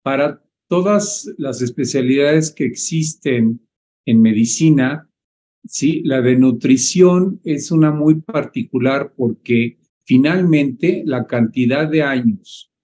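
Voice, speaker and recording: Un médico que explica temas de nutrición en una sesión de preguntas en vivo, con tono didáctico y preguntando "¿sí?" a menudo. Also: male voice, medium pitch, slow, mellow. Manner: didactic, asks "¿sí?" often. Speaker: doctor answering questions. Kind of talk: explaining on a live online Q&A.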